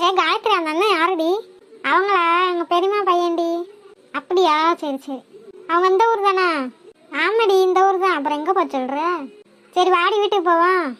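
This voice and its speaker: Picture chatty, teasing village girls in a cartoon, all voiced by one woman. Their voices are very high and piercing. They banter bossily. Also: normal speed, pauses often. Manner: lively, teasing, bossy banter. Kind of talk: cartoon voice acting.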